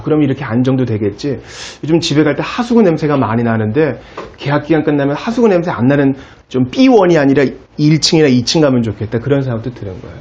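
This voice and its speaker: A man in his thirties, a pastor giving a sermon with lively rising and falling emphasis, dropping his voice low when quoting God. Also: dull audio.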